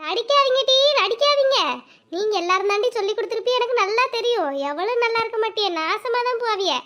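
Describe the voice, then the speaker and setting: A woman voicing a quarrelsome, sharp-tongued village wife who wails and curses. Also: very high voice, fast talker. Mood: wailing curses. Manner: wailing, scolding, cursing. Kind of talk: cartoon voice acting.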